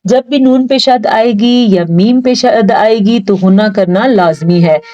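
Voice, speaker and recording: A woman teaching Quran pronunciation step by step, explaining each rule and then drawing out the recited words slowly. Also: medium pitch, mellow, dull audio.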